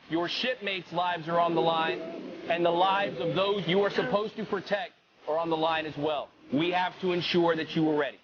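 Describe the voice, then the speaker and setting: A man's voice: fairly high pitch, highs cut off, background noise. An American man addressing recruits as a military instructor, in stern, commanding drill sergeant phrases. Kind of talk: formal motivational speech to recruits. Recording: loud music over the speech.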